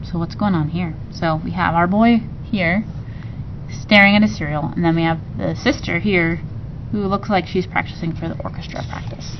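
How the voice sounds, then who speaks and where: A woman, apparently a teacher, reads a storybook aloud to her students, acting out the dialogue with expression and stopping now and then to explain the pictures. The recording sounds muffled, with a clear rumbling noise underneath.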